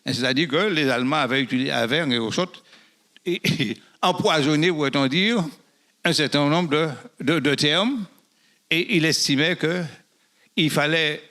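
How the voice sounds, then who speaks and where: A man speaking quickly and digressively at a public debate, citing authors and stumbling on his phrases. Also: on the high side, sharp tone.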